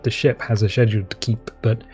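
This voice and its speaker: A man improvising narration as game master of a tabletop game, halting and hesitant. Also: lowish voice, fairly even intonation, a little mellow. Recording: music playing behind the voice.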